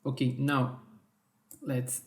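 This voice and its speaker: Slow, gravelly man guiding a design tutorial. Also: mid-range voice, monotone, echoey room. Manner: slow, step-by-step instructions with fillers and self-corrections. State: losing his voice. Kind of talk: screen-recorded software tutorial.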